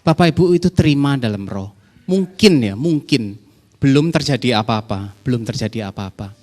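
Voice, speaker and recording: Lively pastor preaching. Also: male voice, mid-range voice, normal speed. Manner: lively, acts out quoted callers in a raised voice; conversational, addresses the congregation directly. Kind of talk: sermon. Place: church hall. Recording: reverberant church hall with soft music.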